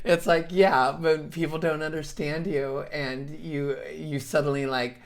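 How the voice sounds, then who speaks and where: A woman's voice: sits low, flat delivery, a little slow, darkish tone. A jet-lagged woman hosting a live stream in casual chat, rambling in a scattered way, swearing and laughing often. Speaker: livestream host.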